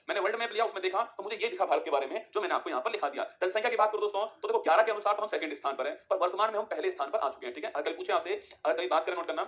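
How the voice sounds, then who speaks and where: A male teacher rattles through an exam-prep geography lesson at a breakneck pace. His voice sits high, and he keeps repeating facts and firing rhetorical questions at his students. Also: a bit bright. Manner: rapid, repetitive drilling of facts with rhetorical questions.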